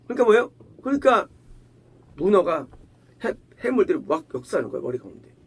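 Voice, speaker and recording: Husky guy pastor preaching, high voice, bounces all over, keeps asking the crowd questions. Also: very animated, fairly quick. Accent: Korean. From Korea. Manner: conversational preaching with rhetorical questions and acted quotes. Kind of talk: sermon.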